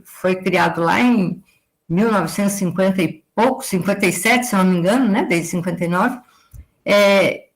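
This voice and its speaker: A woman in her forties from southern Brazil giving a lecture as an agricultural consultant, explaining at length and tagging her sentences with a questioning "right?". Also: medium pitch. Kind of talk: live lecture to students.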